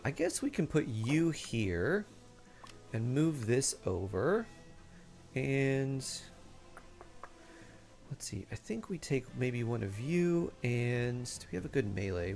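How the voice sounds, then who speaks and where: A man's voice: medium pitch, big pitch swings, slow pace, creaky, long pauses, a little mellow, faint music behind. A man streaming a game casually, thinking aloud and chatting to viewers, with playful sing-song sound effects.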